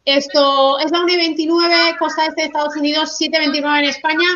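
A woman's voice: high voice, little pitch movement, fairly quick, a bit bright, dull audio. A woman from Spain hosting a casual live-stream chat, talkative and slipping English words into her Spanish. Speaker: host. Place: home in the United States.

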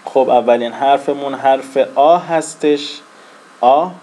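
A man from Iran teaching a casual lesson, speaking slowly and hesitantly, repeating each letter with frequent fillers. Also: mid-range voice, dark tone, rough recording. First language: Persian. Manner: slow and halting, with frequent fillers and letter-by-letter repetition. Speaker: language teacher.

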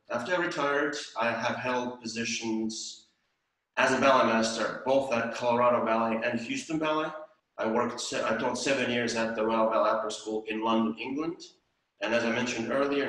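A man's voice: medium pitch, a bit bright. An older man, teaching a ballet class at home and counting out the beat. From Estonia. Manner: counts rhythmically and sings out the beat. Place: home room with tiled floor. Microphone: far camera. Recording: echoey room from far off.

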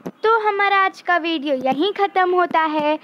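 A young woman explaining grammar in a lesson, slowly and clearly, sometimes acting out example phrases. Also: very high-pitched, no echo, lo-fi sound. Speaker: teacher.

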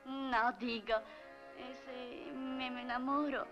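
An actress playing a naive, romantic young maid who is easily moved, speaking with a Venetian accent in a 1950s film comedy. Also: female voice, high-pitched, flat delivery, slow, muffled recording, music in the background. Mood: anxious. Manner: emotional, swings between shy and tearful.

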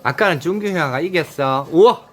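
A man's voice: a little high, a little fast, a bit bright, faint music behind. A man instructing and cheering people on during a video game, with short repeated calls and a lot of laughter. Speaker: activity instructor.

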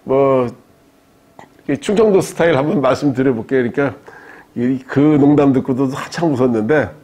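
Husky-voiced man giving a joking lecture. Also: mid-range voice, moderate pace. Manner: lively, joking storyteller who laughs along with his own anecdotes. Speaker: philosophy professor lecturing. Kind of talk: university-style public lecture. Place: lecture room with a live audience.

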